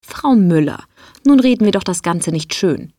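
A woman's voice: fairly low pitch, expressive, moderate pace, dark tone. Woman reader as smug male chef boss, cold, clipped. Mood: dismissive. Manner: curt, dismissive.

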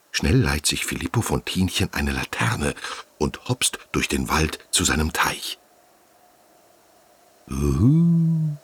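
Deep, slow, husky storybook narrator. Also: male voice. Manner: expressive storytelling. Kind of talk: children's audiobook narration.

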